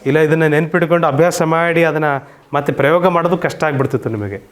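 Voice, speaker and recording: A man's voice: fairly high pitch, quick pace. Male teacher quizzing his class. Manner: patient, repeats points and quizzes students. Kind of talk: classroom grammar lesson.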